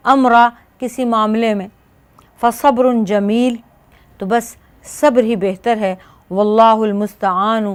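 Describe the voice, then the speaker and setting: A woman teaching as a Quran scholar. She recites short phrases of scripture, then explains each one in measured steps. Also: fairly high pitch, clear, resonant tone. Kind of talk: verse-by-verse scripture commentary.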